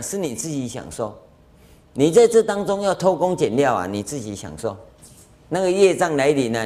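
A man with a Taiwanese Mandarin accent giving a Buddhist dharma lecture as a master, telling anecdotes and acting out dialogue with chuckles. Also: medium pitch. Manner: animated storytelling, acts out dialogue, chuckles. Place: lecture hall.

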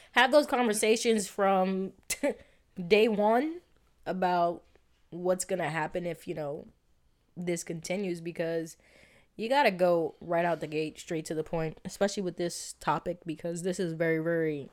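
A woman's voice: on the low side, measured pace. A woman co-hosting a podcast, agreeable and plainspoken in casual chat. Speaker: podcast co-host.

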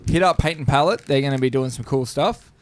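A man's voice: mid-range voice, fast talker. Man, podcast co-host, joking, casual chat, small studio. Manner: joking, reads sponsor spots.

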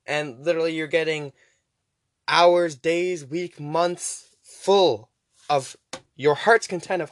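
A man's voice: fairly high pitch, no echo. A man hosting a casual, rambling podcast, chatty and urging listeners on, pronouncing his R sounds weakly, close to W. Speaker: podcast host.

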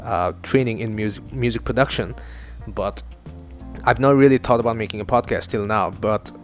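Speaking into a home studio mic with faint music underneath, a young man from Northeast India hosts his podcast alone. His first language is Assamese, and his lowish voice runs at a moderate pace. The monologue is chatty and loose, full of swearing and self-mockery.

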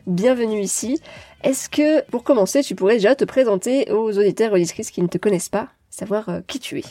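A woman's voice: medium pitch, brisk, mellow. Woman, podcast host, friendly, laughs easily, interview.

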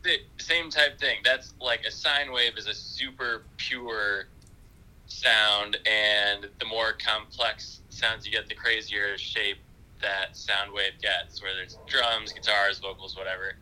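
A man's voice: on the low side, steady tone, slow pace, pushed and bright, low-quality recording. A man heard over a speakerphone, an audio engineer giving a casual, loose explanation full of fillers.

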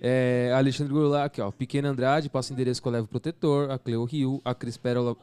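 A man's voice: mid-range voice, flat delivery, fast, a little mellow, clean tone. A man with a Brazilian accent in casual live-stream banter, slangy and jokey, reading chat comments as co-host. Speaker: livestream co-host.

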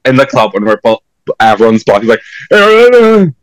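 A man from Portugal with a Portuguese accent, guesting on a podcast and chatting casually, animated and quick to jump into high exclamations. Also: no echo, poor audio. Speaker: podcast guest, drag performer. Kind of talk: casual chat.

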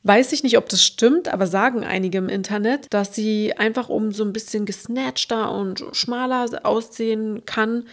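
Chatty young woman vlogger. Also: medium pitch. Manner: chatty, animated, asks the viewer often. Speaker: beauty vlogger. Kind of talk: casual chat to camera.

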